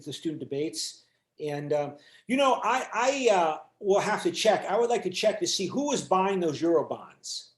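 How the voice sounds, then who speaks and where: A man's voice: fairly high pitch, roomy sound. A man teaching an online university class, lecturing with many fillers and restarts over a video call. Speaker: university instructor.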